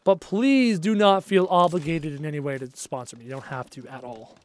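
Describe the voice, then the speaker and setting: During a live game stream at home, a man with a fairly high voice speaks a little fast, chatting with viewers, reading their messages aloud and getting excited easily. He sounds worn out, losing his voice and short on energy.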